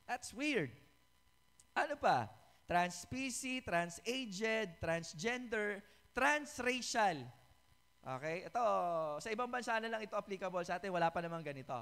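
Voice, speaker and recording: A man's voice: sits high, lively intonation, unhurried, fairly bright tone, smooth. A male pastor preaching a sermon, mixing Tagalog and English and often checking in with the congregation. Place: church sanctuary. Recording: reverberant church hall.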